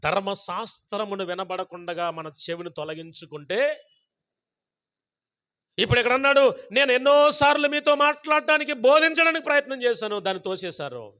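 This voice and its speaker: A man's voice: very high-pitched, moderate pace, sharp tone. A man preaching a sermon as pastor at a prayer gathering, who asks the congregation questions and repeats scripture phrase by phrase.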